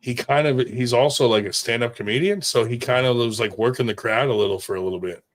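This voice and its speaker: A man's voice: medium pitch, fast. Rambling, profane man telling stories. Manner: rambling and profane, with many fillers. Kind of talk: casual storytelling chat.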